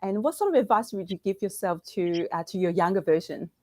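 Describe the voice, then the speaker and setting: A woman's voice: mid-range voice, fairly quick, darkish tone, no room sound, clean studio sound. A middle-aged woman hosting a live online Q&A, talking with many fillers and restarts. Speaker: brand founder and host.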